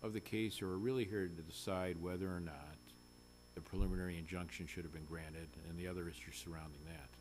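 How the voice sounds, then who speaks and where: A man's voice: sits low, fairly even intonation, fast. A man speaking as a judge, putting questions to counsel in court. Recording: clearly audible hum and noise.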